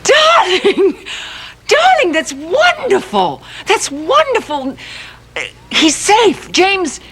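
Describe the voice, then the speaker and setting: A woman's voice: very high-pitched, wildly swooping pitch, slow, fairly bright tone, exaggerated voice. An actress playing a refined middle-aged mother in a 1980s daytime soap, genteel and fond of calling people darling, heard from an old VHS tape recording. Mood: excited. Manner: genteel, says "darling" often. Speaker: soap opera character, a mother.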